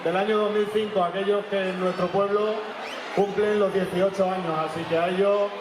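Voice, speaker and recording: High, even-toned Spanish man over crowd din. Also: moderate pace. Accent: Spanish from Spain. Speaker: event speaker. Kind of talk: public address. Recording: echoey, very noisy crowded event.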